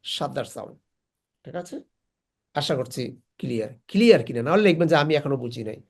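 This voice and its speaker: A woman's voice: very deep voice, expressive, a little fast, gravelly, a little mellow. A woman teaching Quran recitation in an online class, patiently repeating syllables aloud for students to copy. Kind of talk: slow online class instruction.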